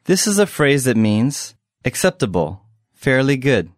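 Brief: male lesson host, clear and measured, animated pitch, dry close mic. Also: no room sound. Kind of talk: scripted lesson explanation.

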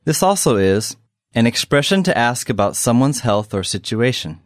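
A man hosting a language lesson, explaining phrases in a clear, measured way. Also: medium pitch, sing-song, dry recording, clean studio sound.

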